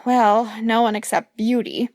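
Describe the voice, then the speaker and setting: A woman voicing a wry, elegant queen and stepmother in an audiobook, dry and gently teasing. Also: fairly high pitch, level tone, measured pace, natural voice.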